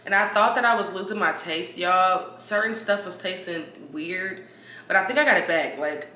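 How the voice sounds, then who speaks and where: Young adult co-host, bright tense tone, emphatic casual talk, echoey room. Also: medium pitch, moderate pace, a little hiss or hum. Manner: chatty, emphatic, addresses viewers as "y'all". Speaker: vlogger. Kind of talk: casual chat. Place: at home. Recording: roomy home room.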